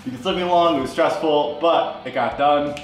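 A man's voice: on the high side, fairly quick. A young man in his twenties, chatting upbeat and self-deprecating in a casual behind-the-scenes vlog. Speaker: video creator and host. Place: basement set, indoors. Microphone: handheld camera at arm's length and seated interview. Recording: echoey basement room with faint music.

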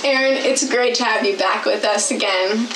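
A woman's voice: a little high, moderate pace, over loud music, natural voice. A woman playing a chipper talk show host. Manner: bright presenter's delivery, earnest when explaining. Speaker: host in a skit. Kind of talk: church skit acting. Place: small indoor set, echoey room. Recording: echoey room with faint hiss.

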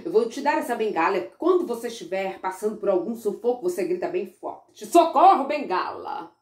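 A woman voicing the North Wind, a stern, impatient spirit who talks briskly and scolds. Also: medium pitch, animated, a little mellow, natural voice. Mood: scolding. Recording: roomy echo.

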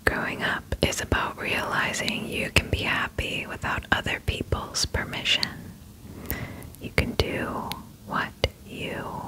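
A woman's voice: unhurried, poor audio. A woman whispering a soothing pep talk in the style of ASMR affirmations. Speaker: ASMR host.

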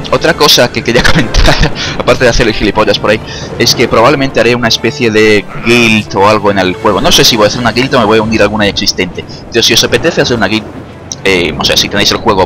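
A young man with a Spanish accent commentating his own game playthrough, joking and breaking into loud excited whoops. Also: on the low side. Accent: Spain. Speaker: gaming video creator. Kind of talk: let's play commentary. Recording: game music playing loudly. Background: game music and sound effects.

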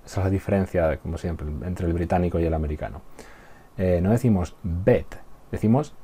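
Male teacher from Spain, Spain Spanish accent, low dark husky voice, patient explainer. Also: fast talker. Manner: patient, repeats and checks understanding. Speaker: English teacher. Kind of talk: recorded online class.

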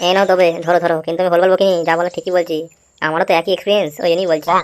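A friendly middle-aged male tea-stall owner from a comic cartoon, played by a woman, always ready with advice. He talks quickly, in a voice on the lower side. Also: fairly even intonation, darkish tone, close to an everyday voice. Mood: chatty.

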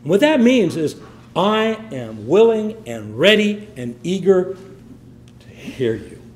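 High-voiced, emphatic preacher man. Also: big pitch swings, slow pace, darkish tone, roomy sound. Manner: emphatic, rising and falling delivery. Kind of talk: sermon.

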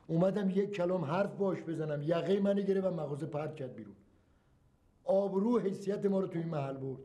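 A man's voice: a little high, mellow, close to an everyday voice. An actor playing a flustered middle-aged father. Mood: indignant. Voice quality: grumbling, quick to take offence. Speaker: father of the household.

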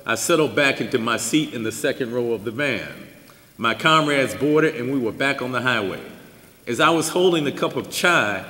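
Older male keynote speaker reading his essay, even and wry, in a reverberant church hall. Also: mid-range voice. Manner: measured reading with dry asides and chuckles. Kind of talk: reading a personal essay aloud. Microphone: stand mic at a lectern. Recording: roomy hall with long reverb.

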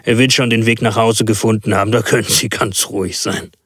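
A man's voice: fairly low pitch, fairly even intonation, a little fast, fairly bright tone, breathy edge, no echo. Man reading a stolid police constable, blunt, matter-of-fact, dry audiobook sound.

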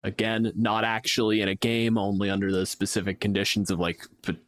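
He speaks fairly quickly in a fairly low, flat voice, recorded cleanly in a studio without room sound. As a podcast co-host and game master, he bluntly argues his side in casual, profanity-heavy debate.

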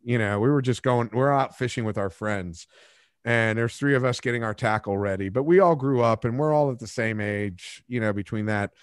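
A man's voice: medium pitch, normal speed, clean tone, dry recording. Dry-sounding man in his forties, rambling. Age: 40s. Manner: rambling, self-mocking storyteller with restarts. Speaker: podcast host. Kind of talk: casual interview chat. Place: home studio room. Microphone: studio microphone with headphones.

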